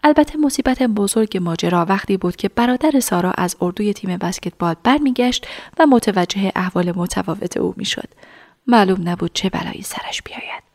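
A woman narrating a story in a soft, half-whispered reading voice. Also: medium pitch, expressive, dry recording, studio quality.

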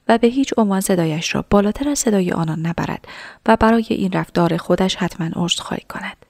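A woman narrating a story in a soft, half-whispered reading voice. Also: medium pitch, gravelly, no room sound, clean studio sound.

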